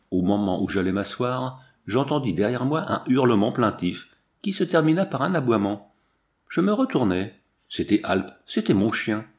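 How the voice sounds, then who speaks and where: Man reading a story aloud. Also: mid-range voice. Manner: measured, dramatic storytelling. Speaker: audiobook reader. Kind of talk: audiobook narration.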